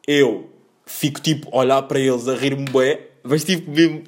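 A man's voice: mid-range voice, fairly even intonation, moderate pace. A young man with a European Portuguese accent telling a casual storytime, rambling, slang-heavy and full of self-corrections and fillers. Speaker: vlogger.

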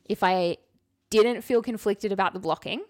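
Her voice sits in the mid range, a little mellow, at a moderate pace. As a podcast co-host she keeps things casual and comedic, playfully mock-serious while reasoning her way through a formula out loud.

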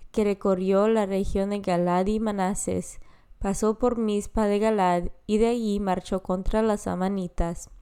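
A woman reads scripture in a slow, reverent devotional style. Her voice is dark and mellow, and it sounds exceptionally smooth and clean. She lets each phrase settle before moving on. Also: mid-range voice. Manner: slow, measured, reverent reading. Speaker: podcast scripture reader.

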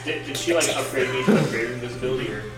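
A man's voice: mid-range voice, rapid-fire. Man at a game table, echoey and distant. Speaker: player in a tabletop role-playing game. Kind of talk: casual game-table chat. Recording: echoey room, distant mic, music.

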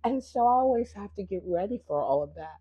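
An older woman telling a story in a recorded interview, blunt and profane in an animated way. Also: mid-range voice, a little fast, slightly rough, no echo. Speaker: mother of the hosts.

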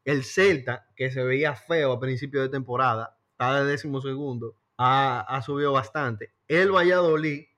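A man's voice: medium pitch, moderate pace, hardly any pauses, fairly bright tone. A man with a Dominican accent hosting a casual sports chat, slangy and repeating phrases for emphasis. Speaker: podcast host.

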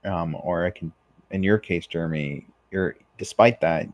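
Low-voiced reflective male host. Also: normal speed, dry recording, studio quality. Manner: reflective, asks probing questions. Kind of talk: casual discussion.

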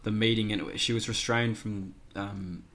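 Co-host, young Australian man, deep monotone, stuffy nasal cold, slight noise. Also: moderate pace. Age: young adult. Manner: flat, monotone delivery with many fillers. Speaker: podcast co-host, tipster. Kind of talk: casual podcast chat.

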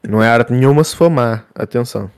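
A man with a European Portuguese accent talks in a casual, argumentative way. His pitch sits in the middle for a man, and the sound is dry, with hardly any room around it. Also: fast, clean tone, no echo. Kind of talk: casual conversational debate.

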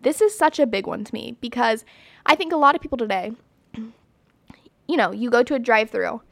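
A young woman talks straight to camera in a dry, close sound, her voice sitting a little high. She is chatty and blunt, stressing her points with many fillers and sounding sure of her own views. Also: moderate pace, creaky, no room sound. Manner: chatty and emphatic, many "like"s and "you know"s; blunt and opinionated. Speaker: vlogger. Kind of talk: casual talk to camera.

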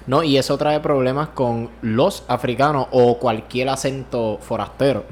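A man's voice: mid-range voice, steady tone, unhurried, slight background noise. A man co-hosting a podcast in casual chat, reacting with short interjections, jokes and swearing. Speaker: podcast co-host.

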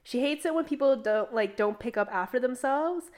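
A woman's voice: sits high, normal speed. A young woman co-hosting a podcast in casual chat, talking animatedly with lots of filler "like". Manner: chatty, heavy use of "like", animated storytelling. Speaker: podcast co-host.

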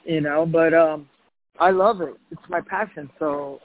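A man's voice: fairly high pitch, a little slow. Middle-aged man on a tinny line. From Puerto Rico. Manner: relaxed, chatty, many "you know" fillers. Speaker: DJ and former record label marketing director. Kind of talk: conversational interview answers. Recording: phone-like narrow audio.

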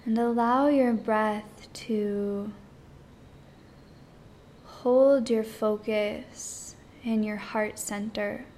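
A woman guides a meditation in a soft, hushed, partly whispered voice, using short phrases separated by long pauses. Her pitch is medium and her tone steady, with a little hiss or hum audible.

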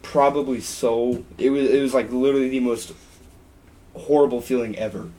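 Young guy rambling thru a story on a podcast, lots of ums, middle pitch. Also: fairly even intonation, moderate pace, warm tone. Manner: rambling, with frequent ums and restarts. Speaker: podcast co-host. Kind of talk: casual storytelling chat.

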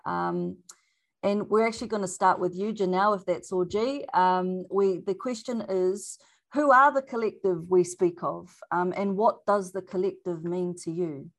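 A woman's voice: fairly low pitch, steady tone, normal speed. A woman with a Māori New Zealand accent, informally moderating a panel and mixing in Māori words. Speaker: panel host.

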